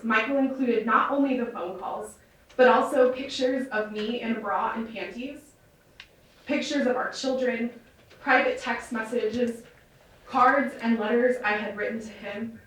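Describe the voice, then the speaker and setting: A nervous woman reading a prepared victim impact statement aloud in a courtroom, measured and formal with soft fillers, captured on a courtroom recording. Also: a little high. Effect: courtroom audio recording. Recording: echoey courtroom, distant mic, faint hiss.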